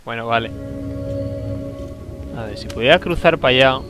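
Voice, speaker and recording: A man from commentating a video game he is playing, talking to himself, with a sore throat, excitable and prone to loud outbursts. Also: mid-range voice, normal speed, soft background music, rough recording. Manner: excitable, talks to himself, bursts into loud exclamations. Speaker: gameplay commentator. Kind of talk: let's play commentary.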